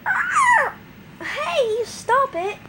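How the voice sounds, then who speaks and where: A woman voicing a mischievous female arctic wolf pup, high, loud and mocking. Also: animated, measured pace, a little hiss or hum, rough recording. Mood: startled.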